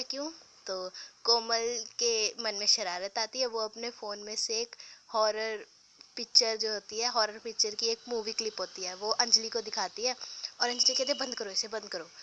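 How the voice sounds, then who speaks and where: Young female storyteller, slightly high, bright tone, does all the character voices herself. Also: highs cut off, slight background noise. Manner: narrates and voices all characters in the same voice, with restarts. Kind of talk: casual spoken storytelling.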